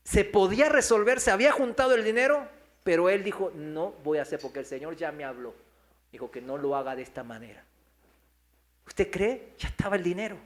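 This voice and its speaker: A man's voice: sits high, fairly quick. A man, a pastor giving a sermon testimony, telling a story and acting out the people he quotes while asking the congregation questions. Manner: storytelling, acts out quoted voices, asks the congregation. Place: church hall.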